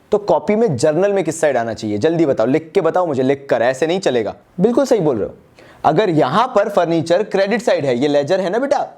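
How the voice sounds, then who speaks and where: Brief: Indian man, commerce tutor, high-pitched and chatty, quizzes students then answers himself. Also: darkish tone. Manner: chatty, calls students "yaar" and "bhai", asks and answers his own questions; calls himself "Baba ji". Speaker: commerce teacher. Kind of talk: online accounts lesson.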